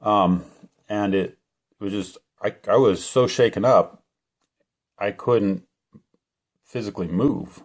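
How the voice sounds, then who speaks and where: A middle-aged man with a very deep voice tells the story of a vivid dream. He talks in a rambling, earnest way, stopping and restarting often and leaning on fillers. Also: slow, pauses often. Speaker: channel host. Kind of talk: personal testimony to camera.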